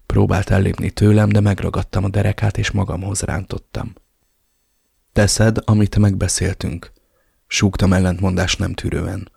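Deep gravelly guy reading an audiobook, brooding, husky, dry close sound. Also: level tone, a little mellow, no room sound. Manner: brooding, measured delivery. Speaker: audiobook narrator. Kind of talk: first-person audiobook narration.

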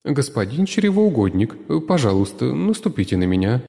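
A man's voice: mid-range voice, big pitch swings, normal speed, creaky, dark tone, in a large hall, voice pushed up. A man voicing a timid, polite female tomato servant in an audiobook, pleading and fretful. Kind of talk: audiobook character voice.

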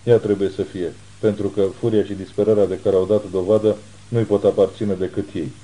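A man reading as a steady private detective with a deep, very dark voice who talks in a measured, reassuring way. The tone is low and unhurried, the way a calm protector sounds when he is steadying others. It reads like an audiobook. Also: lightly acted, low-quality recording. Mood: grave.

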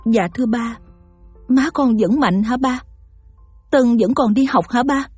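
A woman's voice: a little high, measured pace, darkish tone, breathy edge, dry recording, studio quality. An actress with a Southern Vietnamese accent playing a poor, devoted young mother who speaks politely and pleadingly, over faint music. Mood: humble.

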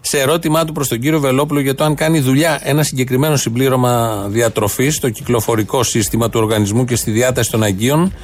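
A man's voice: mid-range voice, steady tone. A man hosting a satirical news show, reading items in a mock-serious, sarcastic way.

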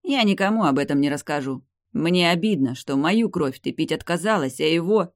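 A woman's voice: low-pitched, lively intonation, normal speed, dry recording. A woman voicing a persistent young aristocratic man who keeps pleading with his former lover, in a dry-sounding reading. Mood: earnest.

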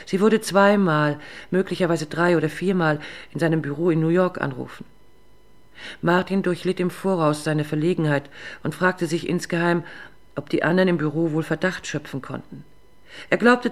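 Woman reading a literary short story. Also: low voice. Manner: even, composed narration.

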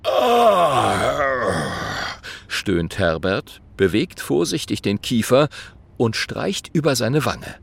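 A man narrating a children's audiobook, lively and playing many characters. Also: mid-range voice, slow, vocal fry. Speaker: storyteller.

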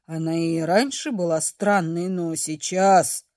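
A man's voice: on the high side, steady tone, slow, darkish tone, dry recording, studio quality, voice pushed down. A woman voicing a stern, scolding male elf guardian. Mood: worried. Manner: strict, scolding, lecturing.

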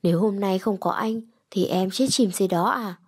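A woman's voice: medium pitch, brisk, a little mellow, husky. A woman voicing a stubborn, sickly young woman in a read-aloud romance story, with snappish, sulky replies.

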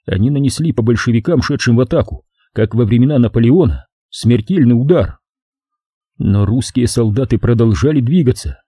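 Guy narrating a war audiobook, warm husky voice, dry sound. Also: medium pitch, lively intonation, normal speed, dry recording. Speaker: audiobook reader.

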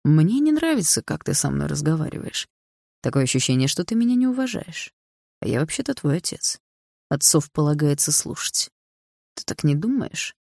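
A cold, controlling stepfather who threatens in a calm, condescending tone, read by a woman. The voice sits low and steady. It is recorded close and dry, with no room sound. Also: normal speed, vocal fry, no echo, exaggerated voice. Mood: menacing. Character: cold controlling stepfather, middle-aged man.

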